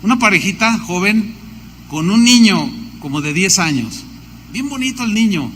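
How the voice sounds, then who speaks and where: A Mexican pastor preaching in a large church hall, his voice high and bright. He stacks up lists and tells stories with lively energy. The hall's long reverb carries over a faint hum of background noise. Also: moderate pace. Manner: animated preaching with lists and storytelling asides. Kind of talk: sermon.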